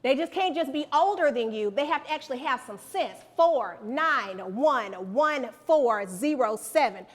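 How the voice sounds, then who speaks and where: Guest speaker: high-pitched middle-aged woman, motivational and repetitive, preacherly. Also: measured pace, hardly any pauses. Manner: animated, preacherly, repeats lines for emphasis. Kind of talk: motivational speech to students.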